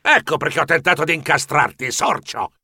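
A man's voice: on the high side, lively intonation, noisy background. Man doing a smug sly pirate cat. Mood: gloating. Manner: smug, mocking, rapid-fire questioning. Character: sly boastful male pirate cat posing as mouse.

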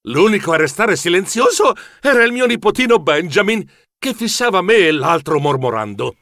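A man narrating a children's storybook in an animated, theatrical way. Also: sits high, normal speed, dry recording, studio quality.

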